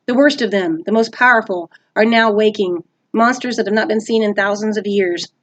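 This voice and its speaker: A woman voicing a menacing male monster posing as a school official, reading a storybook aloud in a low, hushed, threatening tone. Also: normal speed, natural voice. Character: menacing male vice principal monster, sinister.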